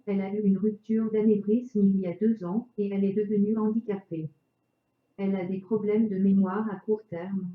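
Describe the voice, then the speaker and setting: A chipper text-to-speech woman's voice reading a scripted self-introduction narration with evenly articulated, machine-made delivery. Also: medium pitch. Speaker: video narrator. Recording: roomy echo, dull lo-fi sound.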